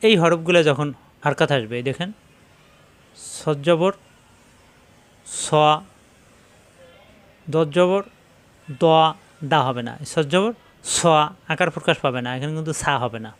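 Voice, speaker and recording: A man teaching Quran letter pronunciation, repeating each letter slowly and explaining where it is formed in the mouth. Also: a little high. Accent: Bangladeshi Bengali. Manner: slow, drawn-out letter sounds between instructions.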